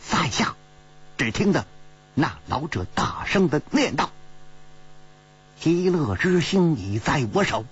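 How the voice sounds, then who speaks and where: A man's voice: on the high side, very animated, slow pace, long pauses, breathy edge, lo-fi sound, heavily acted. A man voicing an earnest male swordsman who eagerly recounts what he saw, in a storytelling audiobook. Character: earnest male thief-hero reporting his scouting.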